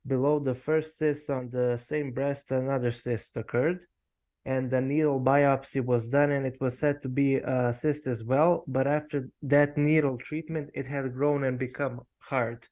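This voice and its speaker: A man's voice: mid-range voice, steady tone, unhurried, darkish tone. A man from Serbia calling a live show, speaking in a hesitant, detailed way with many fillers. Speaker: caller.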